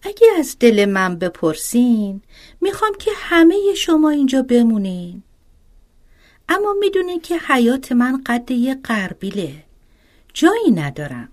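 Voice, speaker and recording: A woman playing a kind, motherly old woman who soothes and gently scolds in a storybook. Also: on the high side.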